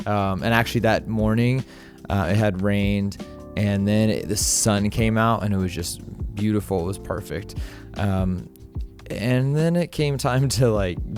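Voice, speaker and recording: A man's voice: fairly low pitch, a little mellow. A man narrating his vlog in voice-over, rambling, with many fillers and restarts. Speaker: vlog host.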